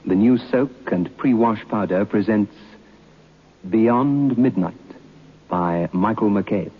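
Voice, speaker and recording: Slow, low male announcer, tinny old radio. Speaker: sponsor announcer. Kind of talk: vintage radio programme announcement. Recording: narrow, noisy old radio recording.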